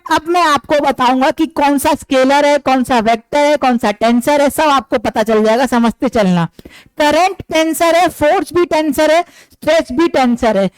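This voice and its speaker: A man's voice: very high voice, normal speed, no echo, poor audio. A man teaching a physics class who keeps asking questions and answering them himself, calling his listeners his dear students.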